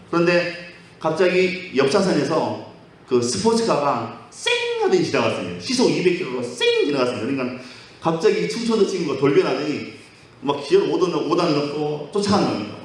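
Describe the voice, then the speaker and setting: A male pastor telling humorous stories during a sermon and acting out the characters' lines. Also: on the high side. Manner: storytelling, acting out dialogue. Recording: very echoey hall, mic at a distance.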